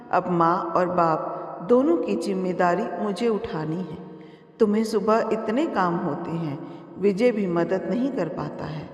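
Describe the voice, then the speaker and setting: Woman voicing a gentle old father-in-law. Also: mid-range voice. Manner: affectionate, reassuring. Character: kind elderly widowed father-in-law, gentle. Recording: echoey room, far from mic.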